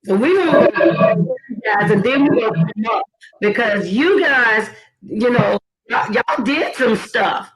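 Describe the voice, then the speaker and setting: A woman's voice: fairly high pitch, animated, a little slow, soft background music, low-quality recording. A woman hosting an online chat, asking guests questions in a familiar, slangy way. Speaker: host. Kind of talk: casual chat.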